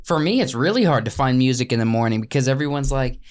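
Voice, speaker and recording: A playful man co-hosting a casual podcast, speaking at an ordinary mid pitch. He jokes through the chat in a loose, bantering way. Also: animated, fast. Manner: playful, jokey, slips into mock radio voices. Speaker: podcast co-host.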